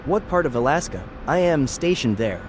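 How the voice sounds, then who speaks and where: A computer-generated male voice reading viewer chat messages aloud in a flat delivery. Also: medium pitch, moderate pace, a little hiss or hum. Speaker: text-to-speech chat reader.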